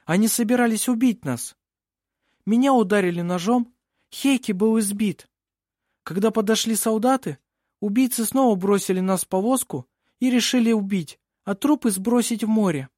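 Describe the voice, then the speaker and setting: A man's voice: sits high, normal speed, a little mellow, no room sound, clean studio sound, voice pushed up. A man voicing an earnest, distressed young woman testifying in court. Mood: urgent. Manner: pleading, rising to indignant.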